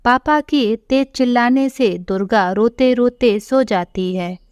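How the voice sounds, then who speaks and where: A woman narrating a scripted family story in a calm, unhurried way. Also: a little high, clear, resonant tone, no room sound, studio quality.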